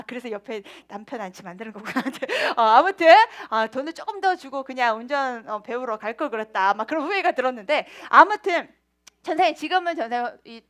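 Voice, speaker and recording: A woman. She sits high in her register and swings her pitch widely, playful and quick to laugh. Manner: lively, playful, laughs often and acts out voices. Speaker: children's ministry preacher. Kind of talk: children's sermon.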